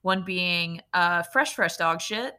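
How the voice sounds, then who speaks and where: A woman co-hosting a podcast, chatting casually with deadpan, playful jokes. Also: on the low side, slow pace, clear, resonant tone. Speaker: podcast co-host. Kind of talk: casual comedic chat.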